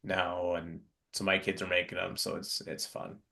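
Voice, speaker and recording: A man and father, a podcast guest telling relaxed stories in casual chat. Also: low-pitched, moderate pace, creaky. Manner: relaxed storytelling, many ums.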